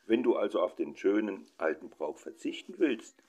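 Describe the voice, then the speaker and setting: A man's voice: on the low side, big pitch swings, moderate pace, darkish tone. A man voicing a stern, pompous middle-aged father who lectures his children.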